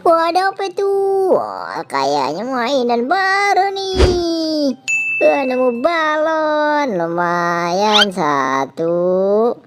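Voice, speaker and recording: A woman voicing a fearful, whiny cartoon boy who pleads with his friend in a high childlike voice. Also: very animated, drawn-out words, heavily acted. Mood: cheerful. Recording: loud music under voice.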